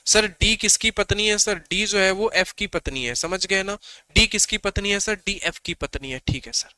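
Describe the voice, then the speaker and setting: A man's voice: high-pitched, moderate pace, pushed and bright, clean tone, no echo. A young adult man teaching an exam-prep reasoning lesson. He asks questions and answers them himself, repeats key points and keeps coaxing the class along. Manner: repetitive, asks and answers his own questions.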